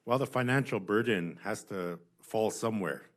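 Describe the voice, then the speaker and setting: A man giving spoken testimony as a witness at a hearing, earnest and insistent, often halting and restarting his phrases. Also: fairly low pitch. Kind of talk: spoken testimony, answering questions.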